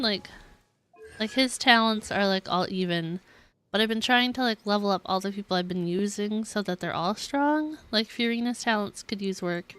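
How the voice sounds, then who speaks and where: A woman streaming a video game talks casually with her viewers, rambling and giggly, with "like" peppering her hedges, as game music plays. The voice is medium-pitched, clear and resonant, with no room sound.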